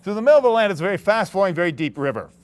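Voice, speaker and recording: In a large conference hall, a man gives an interactive keynote to a big crowd, speaking rapid-fire in a high voice with wide pitch swings. Laughing frequently, he tells a story and performs its characters.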